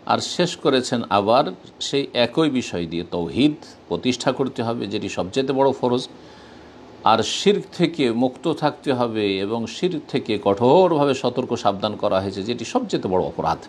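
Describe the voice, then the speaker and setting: A man preaching a sermon, reciting verses and explaining them slowly and with emphasis. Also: mid-range voice, expressive, slight background noise.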